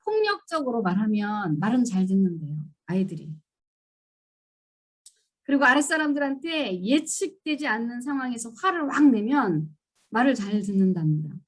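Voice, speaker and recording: A woman giving a church seminar lecture, telling stories and acting out scolding lines in an animated way. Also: on the high side, moderate pace. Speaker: seminar speaker.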